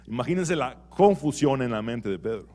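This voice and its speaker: A man preaching a sermon in a church as pastor, animated, swinging between loud and soft and asking rhetorical questions. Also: medium pitch, moderate pace.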